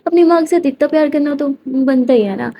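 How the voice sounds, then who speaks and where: High-voiced chatty woman storyteller. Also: fairly quick, warm tone, a little hiss or hum. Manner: chatty, addresses listeners. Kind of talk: casual spoken storytelling.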